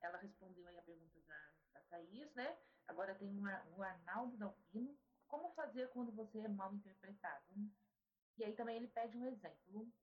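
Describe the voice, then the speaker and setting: A woman reads listener questions on air in a plain, even reading voice. Her sound is dull and lo-fi, as if from a weaker line. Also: mid-range voice, normal speed.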